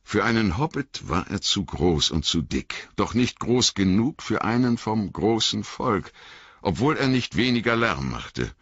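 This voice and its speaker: Man reading a story, slow and expressive, gravelly, lively pitch. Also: no room sound, muffled recording. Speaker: audiobook reader. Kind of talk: scripted narration.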